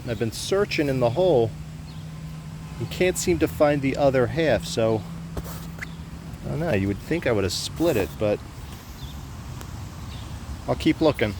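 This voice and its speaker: A man's voice: medium pitch, expressive, measured pace, long pauses. A man casually narrating a metal detecting vlog outdoors, thinking aloud a little hesitantly as he goes. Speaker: metal detecting hobbyist showing finds. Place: outdoors in a field or yard. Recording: clear outdoor background noise.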